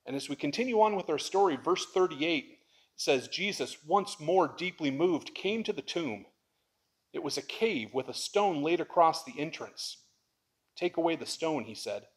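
A man's voice: a little high, lively intonation, normal speed, breathy edge. Man preaching a conversational sermon. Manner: conversational preaching, swings to loud impassioned lines. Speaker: pastor.

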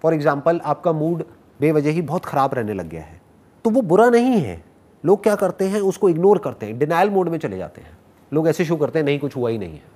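Speaking briskly in a slightly high voice, this man leads a motivational session with audience Q&A. His manner is animated and teasing, and he switches between Hindi and English phrases.

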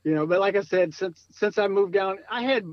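A man's voice: sits high, fairly quick, no room sound, lo-fi sound. A man from Michigan talking casually about hunting gear, rambling and repeating words, laughing often. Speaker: podcast guest, coon hunter. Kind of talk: casual chat.

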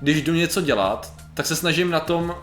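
A man's voice: fairly high pitch, a bit bright, echoey room, faint music behind. A young man co-hosting a casual chat, reading out points and reflecting on them. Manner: reflective, reads out points, laughs often. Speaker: podcast co-host.

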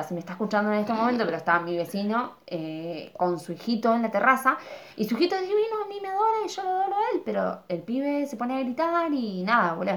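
A woman's voice: mid-range voice, fairly bright tone. A woman with an Argentine accent, tipsy from wine, ranting and complaining in casual chat, swearing as she goes. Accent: Argentine Spanish. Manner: rapid, swearing, complaining rants.

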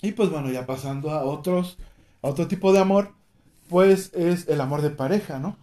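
A man's voice: a little high, normal speed, dark tone. A man with a Mexican accent hosting a casual chat, prompting with questions and dropping joking quips. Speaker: host.

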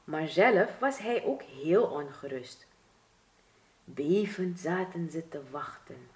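A woman from Suriname with a Surinamese Dutch accent, reading a children's storybook aloud as storyteller in an expressive, deliberate way. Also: deep voice.

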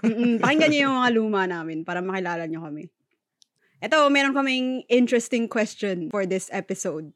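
A woman co-hosting a casual podcast chat, telling stories in an animated, chatty way with a Filipino accent. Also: mid-range voice, fairly quick, no room sound, studio quality. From Philippines. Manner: animated, chatty storytelling with frequent fillers. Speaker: podcast co-host.

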